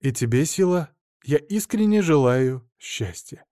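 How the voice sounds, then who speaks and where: Man doing a tired mild-mannered lawyer, quiet and modest, dry close sound. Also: on the high side, lively intonation, a little slow, no room sound. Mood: weary. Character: weary, mild-mannered middle-aged male lawyer.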